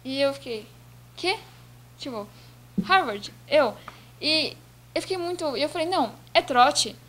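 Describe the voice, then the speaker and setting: A woman's voice: sits high, expressive, measured pace, fairly bright tone. An eighteen-year-old woman from Brazil tells her own story casually in an office, acting out the dialogue she quotes. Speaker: student telling her story. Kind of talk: casual personal account to camera. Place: office indoors.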